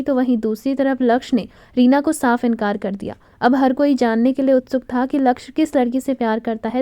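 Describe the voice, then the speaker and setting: A woman with a high, mellow voice narrates a romantic story expressively. The recording is dry and close, with no room sound. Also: no room sound. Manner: expressive, dramatic reading.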